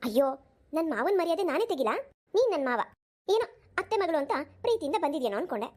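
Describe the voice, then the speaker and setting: A woman's voice: high-pitched, very animated, quick pace, a little mellow. A woman voicing a playful, mischievous young woman in a cartoon, speaking in a teasing, innocent-sounding way. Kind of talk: cartoon voice acting.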